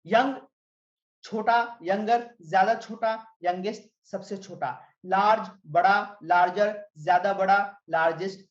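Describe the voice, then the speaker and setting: A woman teaching English grammar, reading word lists aloud slowly and clearly and explaining the rules. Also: mid-range voice. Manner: reads word lists aloud, slow and drilled, falls at each line end. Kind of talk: spoken English grammar lesson. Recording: echoey room, dull lo-fi sound.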